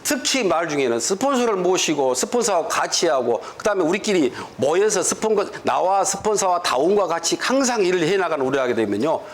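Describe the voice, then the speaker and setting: A man's voice: high voice, fairly quick, hardly any pauses. A man giving a motivational lecture to business distributors, telling stories and asking the room rhetorical questions, sometimes acting out quarrels in dialect. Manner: animated storytelling with rhetorical questions; acts out dialect quarrels in quoted voices.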